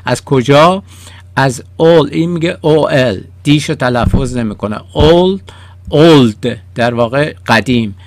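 Male teacher, gravelly, dry close sound; walks through song lyrics slowly and patiently. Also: mid-range voice, no room sound. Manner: explains slowly, repeats lyrics word by word. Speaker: English teacher. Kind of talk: song-based language lesson.

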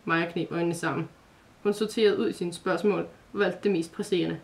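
A woman narrating a children's advent story in a calm, even reading voice. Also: lowish voice, gravelly, far from the mic.

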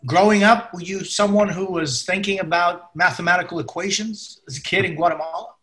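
A male interviewer asking measured, probing questions from a home office over a video call. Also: high voice, fairly even intonation, a bit bright, soft background music. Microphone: video call webcam.

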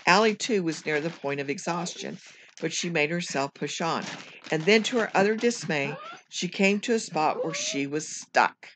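A teacher reading a children's chapter book aloud at home, measured and careful, now and then correcting a slipped word. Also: medium pitch, sing-song, a bit bright, slight background noise. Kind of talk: storybook read-aloud.

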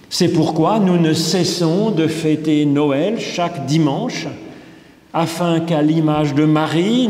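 A man in his fifties with a Swiss French accent, preaching a measured, explanatory sermon from a pulpit microphone in a large church. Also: fairly high pitch, mellow. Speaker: pastor. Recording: echoey church from a distance.

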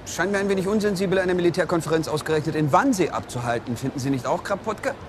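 An actor playing a stern young army captain who speaks in a clipped, pompous Prussian officer manner. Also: male voice, a little high, fast, noisy background, natural voice.

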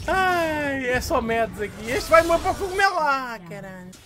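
A young man with a European Portuguese accent giving live gameplay commentary, excitable and swearing, with shouting outbursts. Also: very high voice, normal speed, crowd noise. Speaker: gamer.

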